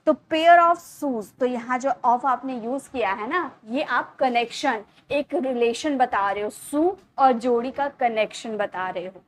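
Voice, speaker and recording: A woman giving an online English grammar lesson, patiently explaining and checking in often with her class. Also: high-pitched. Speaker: English teacher.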